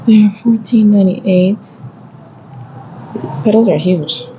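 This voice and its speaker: A woman's voice: medium pitch, slow pace, warm tone, lo-fi sound, slight background noise. A woman gardening vlogger chatting casually as she walks a garden center and reads out plant prices. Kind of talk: casual shopping vlog commentary. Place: garden center of a home improvement store.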